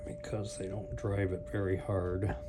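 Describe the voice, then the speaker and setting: A man hosting a product review video gives a casual, unscripted demonstration, rambling and thinking aloud as he goes. His voice is low-pitched and unhurried. A clear, steady hum and background noise run through the recording.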